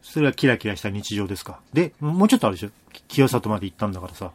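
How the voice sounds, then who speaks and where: A man's voice: on the low side, very animated, rapid-fire, a little mellow. A man hosting a casual chat, steering the talk with teasing jokes and frequent short replies. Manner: joking interjections, frequent backchannels. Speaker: podcast host.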